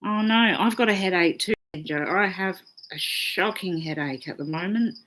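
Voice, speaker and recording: A woman's voice: lowish voice, normal speed, fairly bright tone, slight background noise. A woman astrologer hosting a casual live stream, chatting freely, swearing often and reading out viewer comments.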